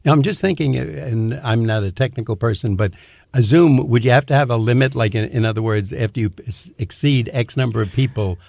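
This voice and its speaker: A man's voice: medium pitch, a little fast, creaky, a little mellow, no room sound. A man hosting a community radio talk show, asking questions in a chatty way as he thinks aloud. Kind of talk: radio interview.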